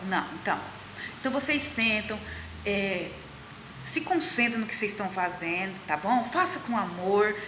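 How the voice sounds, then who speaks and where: A woman's voice: mid-range voice, pushed and bright, slight background noise. A middle-aged Brazilian woman teaching a class to children, encouraging them and asking and answering her own questions. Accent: Brazilian Portuguese.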